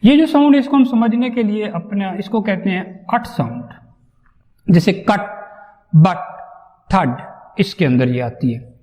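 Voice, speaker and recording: A man teaching phonetics in a classroom lecture, patiently explaining and slowly sounding out each vowel and consonant. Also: high-pitched, expressive, a little mellow, long reverb tail, low-quality recording.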